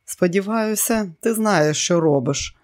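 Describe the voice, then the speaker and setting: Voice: mid-range voice, measured pace, lightly acted. Narrator voicing a jumpy pilot guy, worried tone, audiobook read. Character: nervous man, helicopter pilot. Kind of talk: audiobook character reading.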